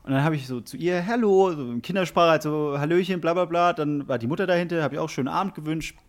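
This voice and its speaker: A man with a fairly high voice chats casually on a podcast. He tells a story with animated acting of his own reactions, moving quickly from murmured asides to bright exclamations. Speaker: podcast co-host. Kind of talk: casual chat, anecdote telling.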